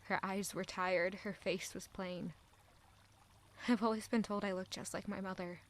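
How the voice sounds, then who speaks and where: In an audio drama, an actress voices an anguished, proud young court lady delivering a dramatic first-person monologue. Her mid-range voice is natural and fairly even at a moderate pace, subdued and uneasy, intimate and brooding with intense emotion.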